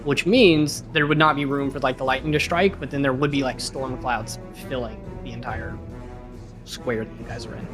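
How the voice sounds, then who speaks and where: A man running a tabletop game as game master, explaining rules in a relaxed way with many fillers. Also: mid-range voice, normal speed, over music. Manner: relaxed, filler-heavy rulings.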